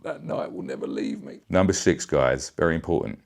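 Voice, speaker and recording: A man's voice: very deep voice, animated, a little fast, vocal fry. A middle-aged man delivering a brash, bawdy satirical comedy rant. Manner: brash, bawdy, blokey banter. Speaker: vlogger.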